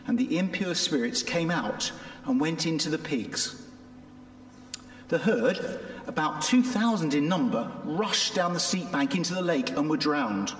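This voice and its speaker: A man reading a Bible passage aloud at a church service in a measured, expressive way. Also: on the high side. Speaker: scripture reader. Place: church hall. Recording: echoey church hall.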